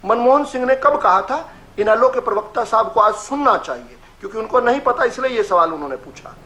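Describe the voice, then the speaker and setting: High-pitched combative debate man. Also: expressive, brisk, sharp tone. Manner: combative, raises voice and talks over others. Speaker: party spokesperson in a TV debate. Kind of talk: heated political debate.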